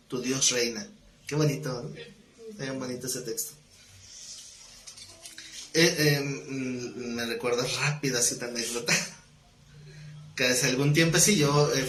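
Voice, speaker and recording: A man's voice: medium pitch, a bit bright. A man teaching an exegetical Bible study class, explaining passages, reading scripture aloud and putting questions to the class. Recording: roomy echo with faint noise.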